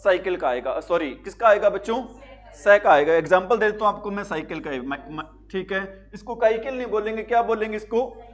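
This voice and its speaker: Male teacher, high voice; drills students with repeated call-and-answer questions, muffled recording. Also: animated, a little fast. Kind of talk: exam-prep vocabulary lesson.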